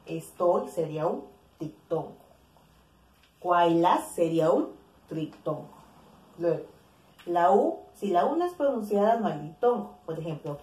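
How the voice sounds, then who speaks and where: Woman teacher, lowish voice, methodical explainer with tag questions, recorded in a roomy echo. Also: dark tone. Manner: explains slowly, listing examples with frequent "¿no?" checks. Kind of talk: recorded language lesson.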